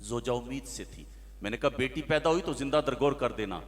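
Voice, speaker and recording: A man's voice: medium pitch, animated, fairly quick, in a large hall, voice pushed up, natural voice. A male preacher voicing a remorseful father who confesses his past with sorrow. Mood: sorrowful.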